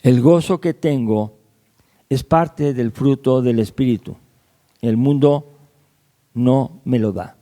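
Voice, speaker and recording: A male pastor delivers a sermon at an unhurried, deliberate pace. His voice is mellow and dark, of ordinary pitch. He poses rhetorical questions to the congregation and lifts his pitch sharply to stress key words.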